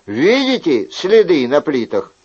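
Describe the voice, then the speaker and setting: A man performs a sharp-tongued, sarcastic man from an audiobook, his voice lifted well above the narrator's and leaping about with mock reasoning. The delivery is slow and pointed. The recording sounds a little dull. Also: fairly high pitch, wildly swooping pitch, husky, exaggerated voice. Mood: indignant, mocking. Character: sarcastic, quick-witted man, mocking and indignant. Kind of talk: audiobook character reading.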